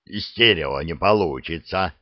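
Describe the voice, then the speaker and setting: A man voicing a gruff, wise old male dragon in an audiobook, in a dull dry recording. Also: low voice, a little slow, no echo, pitched below the performer's own voice. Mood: worried.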